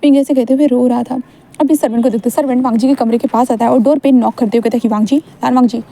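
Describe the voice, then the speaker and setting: A woman narrating a fan fiction story in a loose, rambling manner. Her voice is high-pitched, with a mellow, dark-toned warmth. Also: steady tone, very fast. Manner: rambling, with many fillers and restarts.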